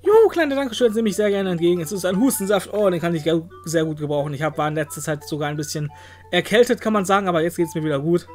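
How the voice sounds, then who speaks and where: A man with a high voice speaks at a quick pace over faint background music. He's hosting a let's play, joking around with the game characters and letting out silly exclamations as he gives playful gameplay commentary.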